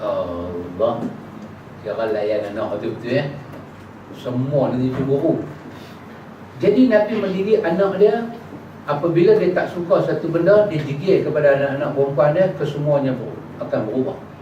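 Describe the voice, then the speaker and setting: A man giving a religious lesson in a prayer hall and answering questions, acting out little dialogues in a casual, lively way. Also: fairly high pitch, normal speed. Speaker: religious teacher. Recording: echoey hall, distant mic, dull, noisy.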